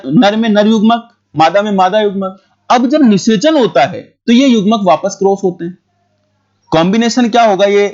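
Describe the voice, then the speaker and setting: A male teacher with a high voice explains a biology lesson at speed. He repeats key points and keeps checking that his students follow. The recording is dull and lo-fi. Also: darkish tone. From India.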